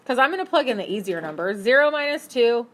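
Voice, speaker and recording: Brisk woman teaching a math class. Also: fairly high pitch, lively intonation. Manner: brisk, upbeat, questioning students. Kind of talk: classroom lesson.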